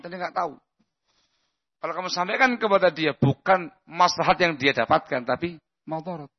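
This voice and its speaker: A man preaching an Islamic lesson in a conversational way, often checking that listeners understand. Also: fairly high pitch. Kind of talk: religious lesson with Q&A. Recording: muffled lo-fi lecture recording.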